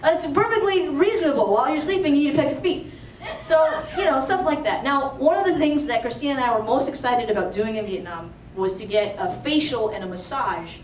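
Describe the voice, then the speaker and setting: With a high-pitched, lively voice that runs a little fast and has few pauses, a young woman from Alexandria, Virginia, recounts a true story live. Her chatty, conversational delivery is full of "like" and "you know." She's far from the mic in a roomy venue, off-mic, with a little hiss or hum.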